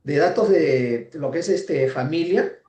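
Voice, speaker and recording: A consultant joins an online workshop and speaks in a measured, methodical way, listing his points with tag questions. His voice is mellow and dark. It echoes around the room he speaks from. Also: on the high side. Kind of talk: explanatory comment in class.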